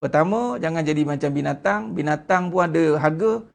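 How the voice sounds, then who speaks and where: A middle-aged man with a Malaysian Malay accent, preaching a sermon in a blunt, lively way and acting out the people he quotes. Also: a little high, a little fast, vocal fry. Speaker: religious teacher.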